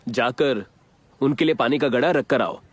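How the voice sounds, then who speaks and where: A man's voice: medium pitch, moderate pace, breathy edge, natural voice. A man playing a bitter villager. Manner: bitter, scornful. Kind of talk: Hindi film dub.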